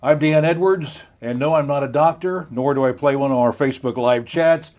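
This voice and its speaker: Moderating a live online health chat, this middle-aged man sounds fairly high and a little mellow, speaking at a moderate pace. It's a hosted interview streamed live, and his folksy, chatty style is full of restarts and laughter.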